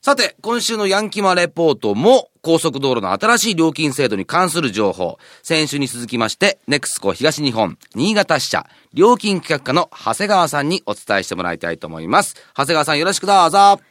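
A male radio host with very animated intonation, chatting and interviewing politely with a light joking touch. The sound is dry, with little room echo. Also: a little high, moderate pace, few pauses. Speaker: radio show host and reporter.

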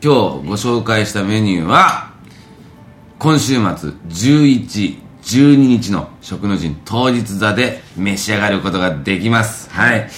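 A man's voice: on the low side, animated, measured pace, fairly bright tone, soft background music. A man hosting a radio show in a casual, chatty and jokey presenting style. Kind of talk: casual radio presenting with food and local reports.

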